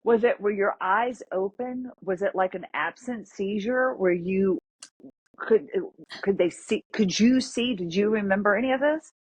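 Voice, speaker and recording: A woman in her fifties hosting an interview, reacting with sympathy and asking quick follow-up questions. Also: medium pitch, husky, no room sound. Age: 50s. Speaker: host. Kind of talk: conversational interview. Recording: dry, dull lo-fi audio.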